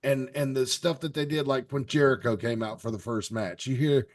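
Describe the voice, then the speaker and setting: A man's voice: mid-range voice, fairly even intonation, moderate pace. A man on a podcast panel, chatting casually and rambling with hesitant fillers. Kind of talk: casual chat.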